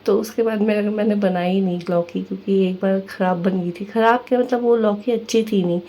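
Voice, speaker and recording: A woman in her thirties talks through her housework in a quiet, hushed voice. Her tone is mellow, her delivery flat and meandering, and a faint household ambience sits under her. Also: medium pitch, fairly quick, slight background noise. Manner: soft, hushed, rambling with restarts. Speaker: housewife vlogger. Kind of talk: casual kitchen vlog voice-over.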